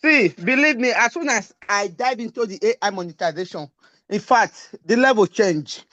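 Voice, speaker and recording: A woman's voice: mid-range voice, lively intonation, moderate pace, fairly bright tone, dry recording. Woman student, casual rambling testimonial, dull call audio. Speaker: student sharing her story.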